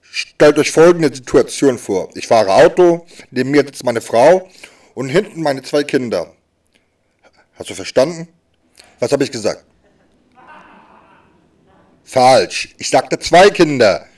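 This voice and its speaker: A man speaking as a sign language voice interpreter, voicing stand-up comedy in a lively way that swings between loud and soft. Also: mid-range voice, takes it slowly, long pauses, recorded from a distance.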